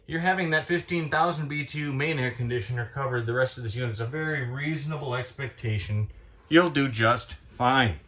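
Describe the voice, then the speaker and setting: A man giving a chatty, quick sales walkthrough inside a travel trailer, tossing in playful sound-effect asides. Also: medium pitch, a bit bright. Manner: talks quickly, cramming in details. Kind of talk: product walkthrough tour.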